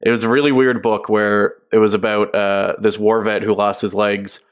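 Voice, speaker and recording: Low-voiced laughing podcast host. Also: male voice, level tone, moderate pace, clean tone. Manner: chatty, laughs often. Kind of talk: casual podcast chat.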